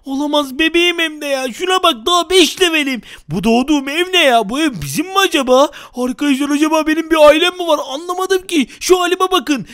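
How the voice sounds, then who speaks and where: A man playing a tiny, helpless baby TV-headed creature in a Minecraft roleplay, talking excitably to his viewers and pleading when threatened. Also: very high-pitched. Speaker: gaming YouTuber.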